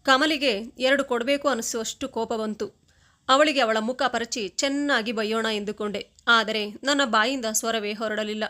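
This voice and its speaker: A woman with a fairly high voice tells a first-person moral story. She narrates with feeling, giving the characters their own lines. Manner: emotional, expressive storytelling with voiced dialogue.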